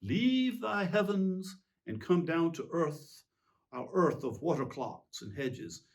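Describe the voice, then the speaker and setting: A man playing a petulant, self-justifying tyrant king in a theatrical, pompous, indignant monologue with emphatic pauses. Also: a little high, big pitch swings, exaggerated voice. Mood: mock pleading. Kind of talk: theatrical dramatic monologue reading.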